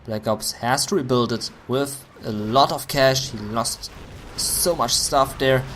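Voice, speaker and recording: A man commentating a video game match on his own, getting excited at big plays, his voice going hoarse. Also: medium pitch, slow pace, a little hiss or hum. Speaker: esports caster.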